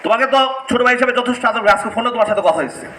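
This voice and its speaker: A very high, piercingly bright male voice, delivering a heated, scolding speech at a crowded press event. He hammers his points home by repeating phrases. The sound is captured from a distance in an echoey hall with faint room noise. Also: racing. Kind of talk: impassioned press conference speech.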